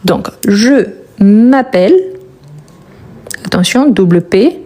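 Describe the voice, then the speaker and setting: A woman teaching French grammar, repeating each step with slow, careful dictation and brief encouragement. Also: mid-range voice, lively intonation, mellow. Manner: slow, deliberate dictation with repetitions. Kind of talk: grammar lesson, spelled out slowly.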